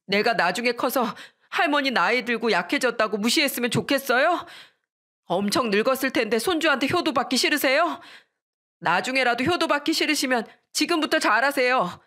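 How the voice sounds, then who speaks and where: A woman's voice: high voice, animated, fairly quick, pushed and bright, pitched above the performer's own voice. Woman doing a bold little boy voice. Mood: earnest. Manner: pleading, talking back. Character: young boy, bold and earnest. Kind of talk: storybook reading.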